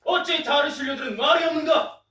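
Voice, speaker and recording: A man's voice: very high-pitched, brisk, bright, forceful tone. A man playing a weary, troubled king in a historical stage drama, giving formal, archaic royal commands. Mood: exasperated. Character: weary, troubled king silencing his quarrelling ministers. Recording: echoey hall, distant microphone.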